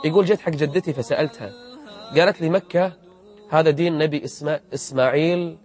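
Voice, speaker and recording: A man's voice: on the high side, fast. A man, an Islamic preacher telling a religious story and retelling its dialogue. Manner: lively, retells dialogue in quotes.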